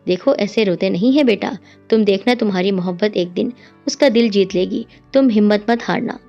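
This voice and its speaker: A woman's voice: medium pitch, creaky, lo-fi sound, lightly acted. A woman voicing a kind elderly mother-in-law who speaks tenderly and consolingly, over faint music.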